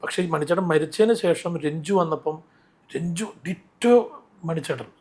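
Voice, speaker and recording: A man telling stories in an interview, animated and rambling, often restarting his sentences. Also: a little high, normal speed, slightly rough. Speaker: interview guest, mimicry artist. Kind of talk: casual interview storytelling.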